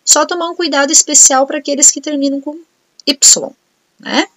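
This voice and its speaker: A Brazilian woman English teacher going over homework answers, reading example sentences slowly and explaining them plainly. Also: high-pitched, fairly even intonation, fairly bright tone, no room sound. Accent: Brazilian Portuguese. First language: Portuguese. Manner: reads example sentences slowly and clearly, explains briskly in Portuguese. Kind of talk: recorded homework correction for students.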